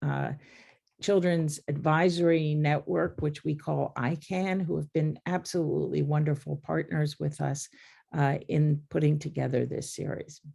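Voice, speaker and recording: Gravelly, halting webinar host. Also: female voice, low-pitched, fairly even intonation, warm tone. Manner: halting, many fillers and restarts. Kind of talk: hosting a webinar.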